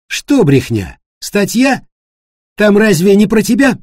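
A man voicing an excited, talkative businessman who tells a story loudly and insistently. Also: sits high, normal speed, no room sound, studio quality, voice pushed up. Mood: mocking.

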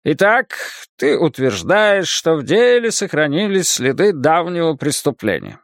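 A man's voice: fairly high pitch, very animated, fairly quick, dry recording, studio quality, pitched above the performer's own voice. A man voicing a heavyset male librarian who questions two boys sternly and with suspicion.

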